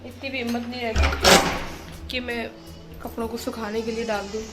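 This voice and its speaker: A woman's voice: on the high side, flat delivery, normal speed, loud music behind the voice. A woman and mother vlogging at home, chatting to the camera as she explains her laundry and cooking step by step. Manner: chatty, explains each household task step by step. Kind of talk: casual chat to camera.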